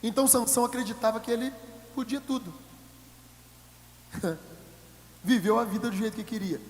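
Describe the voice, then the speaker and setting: Brazilian pastor preaching in an echoey hall. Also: male voice, very high-pitched, moderate pace. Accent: Brazilian Portuguese. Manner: humorous, acts out congregants' voices; swings from shouted to quiet. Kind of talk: sermon. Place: church hall.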